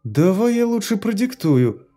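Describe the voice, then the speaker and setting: A man reading an audiobook, voicing a frightened, angry young woman who answers in sharp, indignant retorts. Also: high-pitched, sing-song, unhurried, soft background music, voice pushed up, exaggerated voice. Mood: pleading.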